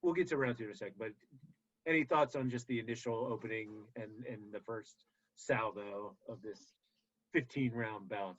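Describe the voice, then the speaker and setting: A man's voice: lowish voice, moderate pace. Rambling male podcast host, dull audio. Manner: rambling, many fillers and restarts. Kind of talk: casual movie rewatch podcast chat.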